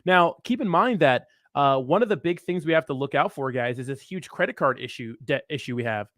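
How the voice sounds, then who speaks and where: Hyped frat-bro guy, slightly high voice. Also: animated, a little fast, a bit bright, dry recording, studio quality. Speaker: crypto livestream host. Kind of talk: casual livestream chat.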